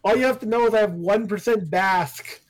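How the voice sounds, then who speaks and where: A man chatting on a stream over voice chat, stammering a little and firing back quick retorts. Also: sits high. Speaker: stream guest friend. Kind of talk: casual stream banter.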